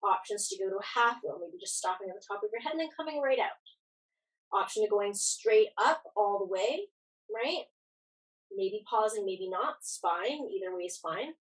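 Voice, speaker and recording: Higher-voiced woman teaching yoga, slightly distant mic. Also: expressive, moderate pace. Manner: encouraging, reassuring. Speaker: yoga instructor. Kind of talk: yoga class instruction, casual guiding.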